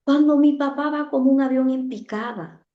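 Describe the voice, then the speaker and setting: A woman with a somewhat high voice tells an earnest personal testimony, circling back to the same phrases again and again. The room is echoey and the sound is a little dull, like a modest recording. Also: moderate pace. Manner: earnest, repeats phrases for emphasis. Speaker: guest giving a testimony.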